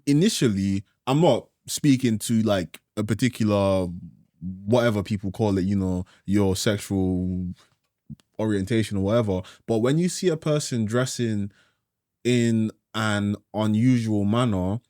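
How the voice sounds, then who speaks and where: A young man from Nigeria hosting a podcast, chatting casually in a relaxed, slangy way and saying "bro" often. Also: fairly low pitch, unhurried, dry recording, studio quality. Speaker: podcast host. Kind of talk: casual chat.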